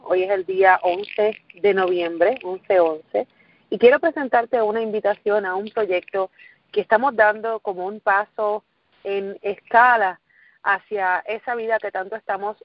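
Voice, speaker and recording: A middle-aged Puerto Rican woman with a mid-range voice and a Puerto Rican Spanish accent gives an earnest motivational talk, repeating phrases for emphasis. The audio sounds dull and dry, like a recorded call or conference line.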